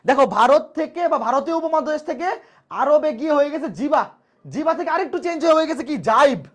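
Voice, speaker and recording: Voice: sits high, fast. A teacher gives a live online maths lecture, repeating each point and asking the class rhetorical questions. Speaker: math teacher.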